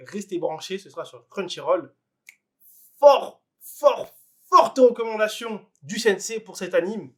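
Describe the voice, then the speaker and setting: Guy with a high voice doing a chill anime news vlog, talks right at you, lots of ums. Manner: chatty, addresses viewer directly, many fillers. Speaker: anime news video host.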